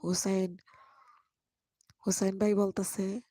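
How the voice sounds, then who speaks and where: A woman hosting a casual live stream and reading out comments, hoarse from a cold, laughing a lot and drawing her words out. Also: medium pitch, flat delivery, warm tone, no room sound, studio quality. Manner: laughs a lot, slow and drawn-out.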